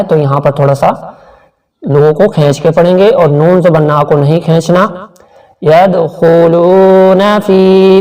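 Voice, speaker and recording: A high-pitched male teacher walks through tajweed rules at a brisk clip, then slows down to chant each word in long, drawn-out tones. His voice sits a little back from the microphone. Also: warm tone, recorded from a distance, low-quality recording. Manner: explains rules briskly, then recites words slowly and drawn out. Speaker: Quran teacher. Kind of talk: tajweed lesson with slow chanted recitation.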